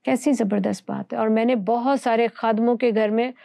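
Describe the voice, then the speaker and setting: A woman's voice: a little high, steady tone, gravelly, warm tone, no echo, clean studio sound. A woman teaching from the Bible in conversation, earnest and fond of rhetorical questions.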